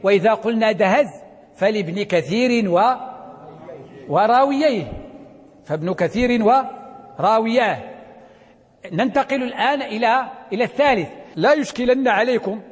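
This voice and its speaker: A man's voice: high-pitched, normal speed, long pauses, long reverb tail. A man teaching a class, asking students questions and repeating the key points. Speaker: teacher of Quran readings. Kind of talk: classroom lecture. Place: classroom with a blackboard.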